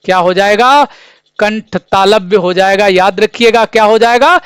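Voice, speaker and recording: A man with a strikingly high, smooth, resonant voice teaches an exam-prep grammar class. He asks a question, then answers it himself, drilling the same terms again and again. The sound is dry and close to the mic. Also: unhurried, fairly bright tone, no room sound. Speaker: Hindi teacher.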